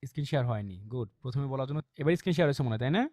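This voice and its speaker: A man teaching an online English pronunciation class, explaining patiently and modeling phrases slowly with strong word stress. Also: medium pitch, expressive, a little mellow, no echo, clean studio sound. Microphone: computer mic on a video call.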